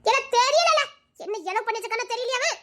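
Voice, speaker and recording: A village mother, played by a woman, who calls out loudly for her shop boy. Her voice is very high and shrill, and she scolds as she calls. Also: animated, fast. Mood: calling, worried.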